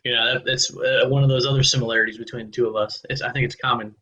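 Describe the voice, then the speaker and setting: A man hosting a podcast, chatting in a relaxed, friendly way with easy fillers, recorded in a home studio on a boom-arm mic. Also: rapid-fire, dull audio. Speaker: podcast host. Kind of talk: casual interview conversation. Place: indoor home studio room. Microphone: large studio mic on a boom arm.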